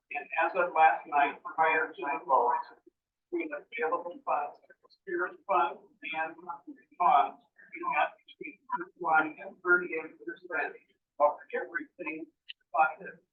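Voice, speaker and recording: Man on speakerphone, county supervisor, rambling formal statement, somewhat high voice, tinny phone sound in a roomy space. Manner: halting, rambling formal remarks. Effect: heard through a phone on speakerphone. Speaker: county supervisor calling into a meeting. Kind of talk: public comment statement at a board meeting. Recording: tinny phone line on a speaker in an echoey room from far off.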